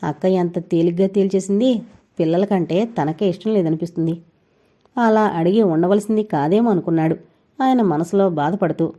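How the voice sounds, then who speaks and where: A woman narrating a novel in a steady storytelling read. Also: lowish voice, moderate pace. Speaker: audiobook narrator.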